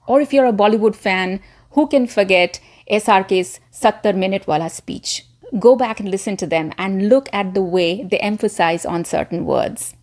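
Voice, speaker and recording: A female voice coach gives an instructional talk, speaking to viewers directly and encouragingly and deliberately stressing key words. Her voice is mid-range with a darkish tone.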